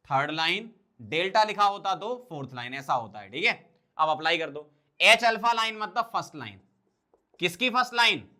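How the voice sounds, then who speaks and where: A man teaching exam-prep chemistry, quickly asking questions and answering them himself. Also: high voice, pushed and bright. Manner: quick, drilling, asks and answers his own questions. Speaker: chemistry tutor.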